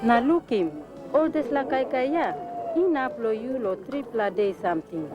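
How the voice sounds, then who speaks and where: Earnest advising woman acted, Papua New Guinean accent, pidgin, higher voice, instructional drama dialogue, music behind. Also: lively intonation, moderate pace, lightly acted. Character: earnest woman giving nutrition advice.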